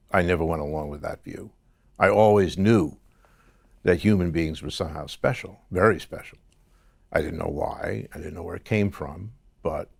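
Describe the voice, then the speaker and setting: A middle-aged man interviewed as a guest, telling his story in a halting conversational way with many restarts. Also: deep voice, vocal fry, no room sound, clean studio sound. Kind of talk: conversational testimony.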